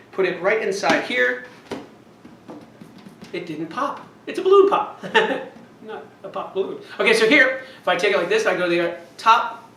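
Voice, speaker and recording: Guy showing a science trick, high bright voice, kinda far from the mic in an echoey room. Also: slight background noise. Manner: animated, demonstrating step by step. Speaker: camp activity instructor. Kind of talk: hands-on science demonstration.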